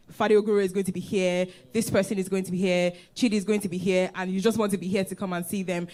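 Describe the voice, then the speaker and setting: Brief: female co-host, mid-pitched, earnest and motivating to the crowd. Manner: earnest and motivating, direct to audience. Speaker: conference co-host. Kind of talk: stage hosting, encouraging address. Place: conference stage before an audience.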